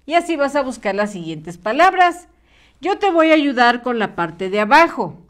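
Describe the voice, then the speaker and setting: A woman teaching a spelling lesson to young children, patient and encouraging, spelling words out slowly and clearly. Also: sits high, sing-song. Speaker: primary school teacher.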